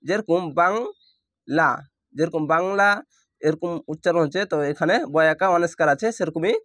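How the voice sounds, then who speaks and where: A man teaching Quran reading, spelling each letter and vowel mark and then drawing out the joined syllables in a slow lesson. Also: a little high, a bit bright, dry recording, clean studio sound.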